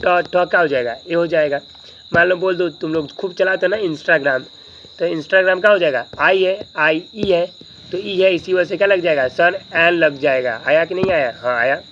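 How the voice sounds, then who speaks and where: A male teacher runs a grammar lesson, firing questions at the class and answering them himself between quick jokes. His voice sits a little high. The recording is dull and lo-fi, with faint noise behind it. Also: a bit bright. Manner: joking asides.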